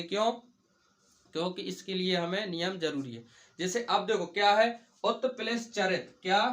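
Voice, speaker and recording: High-voiced male teacher in an echoey room. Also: fairly bright tone, distant mic. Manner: asks questions and answers them himself, repeating each point. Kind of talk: Hindi grammar lesson.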